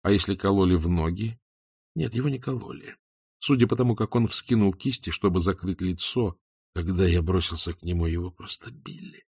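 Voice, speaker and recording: A man narrating a novel in a scripted, expressive reading. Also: sits low, fairly quick, gravelly, breathy edge, no echo, clean studio sound. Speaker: audiobook narrator.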